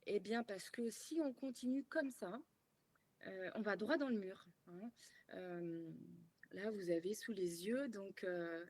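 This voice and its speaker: A woman's voice: lowish voice, darkish tone. A woman in her fifties, from France, giving a webinar presentation as a trainer, explaining step by step with many fillers and restarts. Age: 50s. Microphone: video call.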